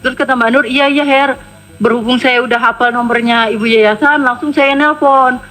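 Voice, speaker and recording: A woman, a household worker, giving testimony at a hearing and emotionally recounting events, quoting her employer in quick bursts. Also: sits high, fairly even intonation, fairly bright tone, rough recording.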